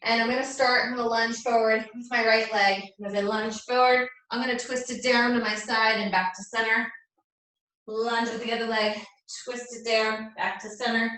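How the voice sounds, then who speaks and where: A woman's voice: fairly high pitch, flat delivery, moderate pace, sharp tone. A woman coaching a live workout class like a gym coach, cueing exercises and encouraging as she goes. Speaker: fitness instructor leading a circuit workout. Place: echoey indoor room, away from the mic. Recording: echoey room, distant mic, faint noise.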